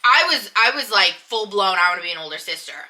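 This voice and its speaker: A woman with a very bright, forceful voice at a medium pitch, chatting casually as a vlog host. She tells personal stories candidly, leaning on her words for emphasis. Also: expressive, fast talker, poor audio. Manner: candid, emphatic storytelling with frequent "like". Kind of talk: casual sibling chat in a mukbang video.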